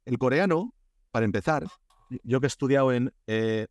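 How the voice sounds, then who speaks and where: A man's voice: mid-range voice, normal speed, dry recording, studio quality. A man from Spain with a Spanish accent, a guest in a casual podcast interview, telling stories with lots of fillers and restarts. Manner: animated storyteller, many restarts and fillers. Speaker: guest, Korea expert.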